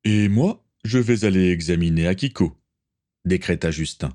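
A man voicing a level-headed ship's healer who speaks in a calm, measured way. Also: low-pitched, natural voice.

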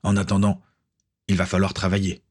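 A stern middle-aged pirate captain who gives orders without raising his voice, read by a male narrator. His voice sits deep and husky, firm and authoritative. It is a storybook reading. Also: monotone, a little fast, a little mellow.

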